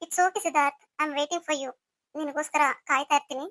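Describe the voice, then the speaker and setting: Brief: woman as scheming rival, mocking and flirtatious, high bright voice. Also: fairly even intonation, normal speed, no echo. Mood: taunting. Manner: mocking, teasing delivery. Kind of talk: melodramatic audio story acting.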